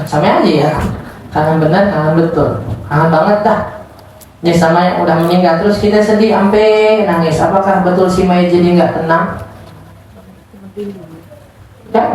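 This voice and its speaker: A woman's voice: on the low side, darkish tone, slight background noise. A woman giving a casual religious study lesson, joking and acting out little dialogues as she teaches. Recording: echoey room, distant mic, faint ambience.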